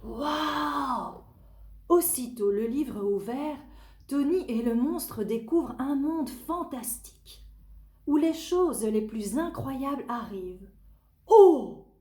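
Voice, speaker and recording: In an echoey room, a woman with a fairly high voice reads to small children. She is sing-song and expressive, taking her time and leaning on the dramatic words. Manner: sing-song, addressing little children directly; expressive, slow dramatic emphasis. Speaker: storyteller for young children. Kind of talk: picture-book read-aloud for small children.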